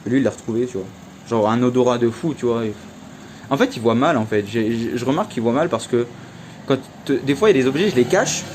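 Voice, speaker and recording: Chatty young man with a mellow voice. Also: medium pitch, expressive, fast, slight background noise. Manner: chatty, slangy, many fillers like "en fait". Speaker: vlogger. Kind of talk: casual storytelling vlog.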